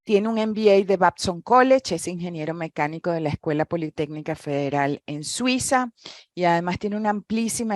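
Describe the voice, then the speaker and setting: A woman's voice: low voice, no room sound, clean studio sound. A woman hosting and moderating a webinar, introducing the course formally with frequent hesitant fillers.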